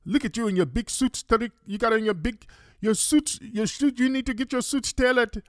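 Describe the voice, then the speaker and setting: A man putting on the voice of a shrill, indignant man who screeches insults and rolls his R's. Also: normal speed, no room sound, studio quality. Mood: mocking.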